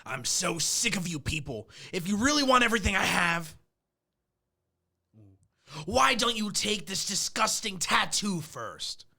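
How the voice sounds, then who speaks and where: A man voices a weary young fighter, worn down and bitter. The voice is bright and gravelly, and it swings up and down in pitch. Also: expressive, measured pace, exaggerated voice. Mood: exasperated. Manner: bitter, exasperated.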